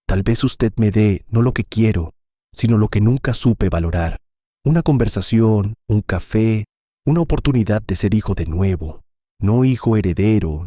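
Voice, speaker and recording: A man reading as a grown son full of regret, his low, dark, mellow voice moving slowly and heavily through a confession to his mother. The sound is dry and close, like a storybook read straight into the mic. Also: dry recording, natural voice. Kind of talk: scripted audio-story reading.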